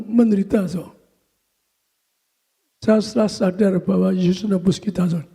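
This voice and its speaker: A man's voice: sits high, gravelly, dark tone, slightly rough. An older man, a pastor, preaching a sermon and tagging his phrases with a repeated "so". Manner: repetitive preaching, tags phrases with "so".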